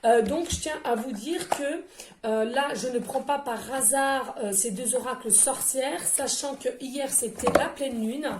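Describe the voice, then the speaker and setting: A woman's voice: sits high, unhurried. A woman medium doing an oracle card reading for her viewers in a casual, effusive way, full of fillers and repetitions. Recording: echoey room with faint noise.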